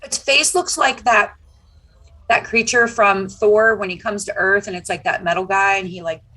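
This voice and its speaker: A woman's voice: medium pitch, normal speed, pushed and bright. A woman chatting as a player in a tabletop game, rambling with many fillers. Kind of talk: casual chat at a tabletop game.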